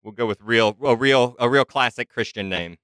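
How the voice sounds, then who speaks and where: Bright, smooth-voiced man at the game table. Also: mid-range voice, normal speed, dry recording, clean studio sound. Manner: chatty, self-correcting. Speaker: player.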